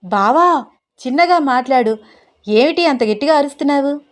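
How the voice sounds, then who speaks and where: A woman's voice: sits high, expressive, moderate pace, pitched above the performer's own voice. A woman voicing a shy young wife who teases her husband, in a coy, playful, pleading way.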